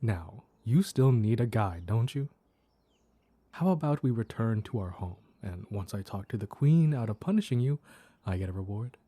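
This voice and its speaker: A man voicing a mischievous, flirtatious mad cat in an intimate roleplay audio, teasing with coy pet names in a soft, husky purr. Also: on the low side, dry recording.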